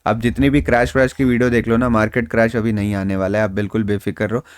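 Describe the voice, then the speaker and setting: A man's voice: lowish voice, little pitch movement, fast, clean tone, dry recording, studio quality. A man giving casual, reassuring stock market analysis in a conversational way, mixing in English phrases. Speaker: stock market trader and YouTube host.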